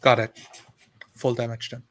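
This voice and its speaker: A man's voice: medium pitch, completely flat delivery, normal speed, fairly bright tone, slight background noise. A man running a tabletop role-playing game, narrating scenes and calling results as game master.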